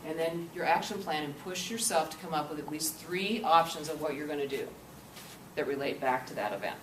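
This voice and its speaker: Speaking fairly quickly, a workshop presenter with a deep voice coaxes her audience through an interactive lecture, often asking "okay?" to make sure they follow. The distant camcorder recording picks up room echo and constant background noise in the classroom or meeting room.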